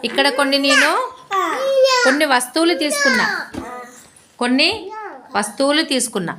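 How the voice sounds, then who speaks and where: A woman preschool teacher leading a simple lesson, speaking slowly and repeating questions to prompt the children. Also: sits high, big pitch swings. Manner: slow and repetitive, prompting the class with questions. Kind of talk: classroom lesson for small children. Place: preschool classroom full of children. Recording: noisy classroom with children.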